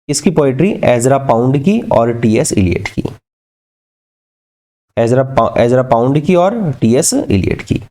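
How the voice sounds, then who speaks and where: A man giving an exam-prep literature lecture, mixing Hindi with English, asking and answering his own questions and dictating English lines slowly. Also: mid-range voice, sing-song, dark tone.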